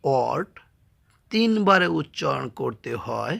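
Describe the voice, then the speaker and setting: A man with a Bangladeshi accent teaching an English grammar lesson and sounding out words slowly, syllable by syllable. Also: medium pitch, sing-song, vocal fry, a bit bright. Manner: slow, spells words out syllable by syllable.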